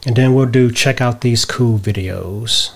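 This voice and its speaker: A middle-aged man explaining a software tutorial step by step from a home office, often checking in with "right?". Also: mid-range voice, a little slow, vocal fry. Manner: relaxed step-by-step explaining, tags lines with "right?". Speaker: tutorial host. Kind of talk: screen-share software tutorial.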